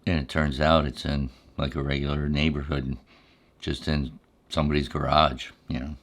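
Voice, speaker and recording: A middle-aged or older American man with a deep, low voice reminisces casually in a laid-back, rambling ASMR storytelling style, pausing often. His delivery is flat, with a fairly bright tone.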